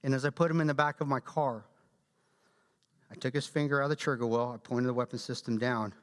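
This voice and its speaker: A man giving a talk at a church, telling a combat story in an animated way and acting out quotes. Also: mid-range voice, fast, clean tone. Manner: animated storyteller, acts out quotes, laughs often. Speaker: guest speaker. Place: church hall. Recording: long hall reverb.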